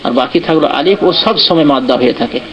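A man's voice: on the high side, lively intonation, fast talker, a little hiss or hum. A man teaching Quran recitation in an online class, explaining patiently and checking in with his students often. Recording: muffled online call audio.

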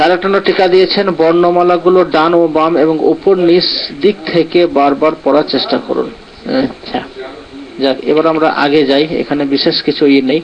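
A man's voice: a little high, lo-fi sound. A man teaching an online lesson, patiently explaining step by step and reading from a textbook. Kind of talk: online lesson on Arabic letters and pronunciation.

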